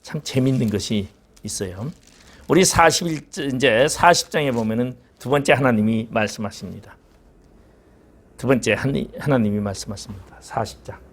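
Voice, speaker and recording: A man's voice: medium pitch, moderate pace. A man preaching a sermon as pastor, acting out quoted voices of God and Job. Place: church sanctuary.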